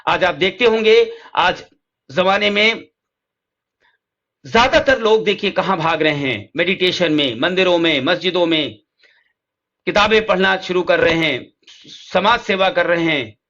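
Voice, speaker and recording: A man teaching literature, stepping slowly through English points and then explaining them quickly in Hindi, often asking questions and answering them himself. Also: high voice, bright, forceful tone. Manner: slow, deliberate English lines and rapid Hindi explanations. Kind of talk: lecture mixing Hindi and English. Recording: dull lo-fi recording.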